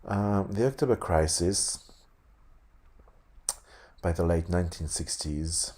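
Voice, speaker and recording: A man with a lisp reading aloud haltingly, stumbling and correcting himself, with casual asides. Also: very deep voice, warm tone, husky. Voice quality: lisp on s sounds. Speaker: host reading a tabletop game sourcebook aloud.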